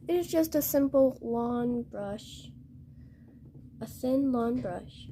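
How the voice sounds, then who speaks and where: A young woman explaining paintbrushes in a painting tutorial, hesitant and halting, often correcting herself. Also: a little high, dark tone, slight background noise. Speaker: art tutor.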